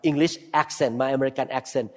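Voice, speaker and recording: A man's voice: medium pitch, fairly even intonation, very slow, a little mellow. An older man with a Thai accent giving a sermon testimony in a church hall, speaking in short, emphatic phrases.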